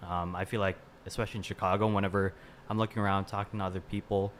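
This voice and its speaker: A man's voice: deep voice, flat delivery, fast, slight background noise. A twenty-year-old man from the Midwest, a guest on a podcast panel, giving thoughtful answers with some "uh"s and "I mean"s. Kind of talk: casual panel discussion.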